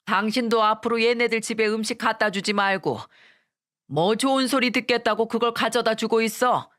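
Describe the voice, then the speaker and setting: A woman's voice: a little high, normal speed, a bit bright, close to an everyday voice. A woman voicing a stern middle-aged father who lectures his family bluntly, in a scripted story reading.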